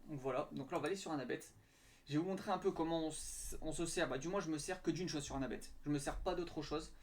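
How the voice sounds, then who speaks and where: Casting: young man, slightly high voice, halting and filler-heavy, casual screen tutorial. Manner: hesitant, many fillers and restarts. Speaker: betting tips youtuber.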